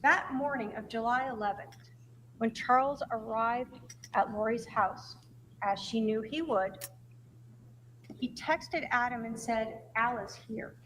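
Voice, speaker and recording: Higher-voiced woman prosecutor, emphatic closing argument. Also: a bit bright. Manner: emphatic, deliberate rhetorical phrasing with repeated refrains. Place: courtroom. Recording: noisy courtroom recording.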